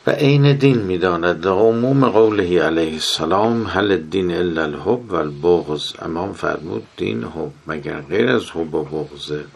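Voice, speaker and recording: Deep, gravelly man giving a religious lecture. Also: lively intonation, hardly any pauses. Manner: quotes Arabic sayings, swings between emphatic rises and soft drops.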